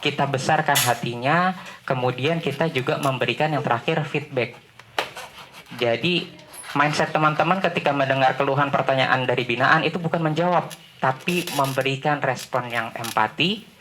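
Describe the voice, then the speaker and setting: A man lecturing a room of trainee mentors in a loose, chatty way, often throwing questions and jokes at the audience. His voice is bright and forward, with a faint hum of room noise behind him. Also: medium pitch. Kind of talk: relaxed classroom talk.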